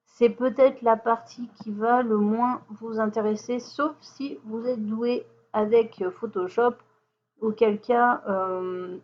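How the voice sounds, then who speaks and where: A woman hosting a casual software tutorial, chatty, with many fillers and restarts. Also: on the high side, muffled recording. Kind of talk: screen-share software walkthrough.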